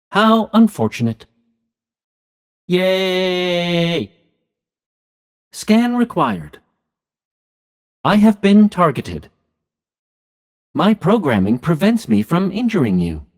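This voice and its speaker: An actor voicing a calm male healthcare robot in a video game, speaking in a soft, even robot voice with polite, clinical phrasing. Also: a little high, full character voice.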